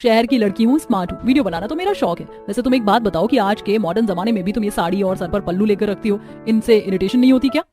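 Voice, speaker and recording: A woman's voice: mid-range voice, fast talker, few pauses, warm tone, faint music behind, close to an everyday voice. A woman voicing a brash, snobbish young city influencer in a cartoon story. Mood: snide. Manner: brash, mocking. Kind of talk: cartoon voice acting.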